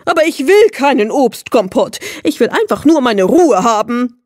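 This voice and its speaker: Woman doing a boastful eccentric hermit, rapid chatter, brusque, lively swooping pitch, dry studio sound. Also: dry recording. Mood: indignant. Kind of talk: audiobook character voice.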